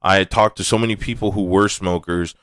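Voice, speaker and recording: A man's voice: deep voice, steady tone, a little fast, fairly bright tone, no echo. A man hosting a podcast, talking alone in a candid, laid-back way and swearing casually. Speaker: podcast host. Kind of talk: casual monologue.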